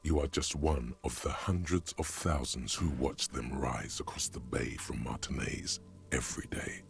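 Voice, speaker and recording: Deep gravelly game narrator. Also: male voice, steady tone, faint music behind. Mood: somber. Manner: slow, somber, gravelly. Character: brooding male inner-voice narrator, grave. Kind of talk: scripted narration.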